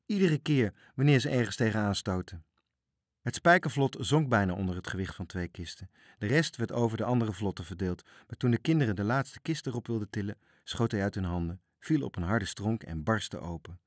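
A man's voice: lowish voice, animated, a little fast, dry recording, clean studio sound. A man reading a children's story aloud, expressively, voicing the characters. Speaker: narrator.

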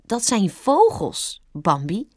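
A woman voicing a cheerful little boy rabbit in a storybook reading, speaking high and eager. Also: very animated, slow, darkish tone, dry recording, studio quality. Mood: eager, playful.

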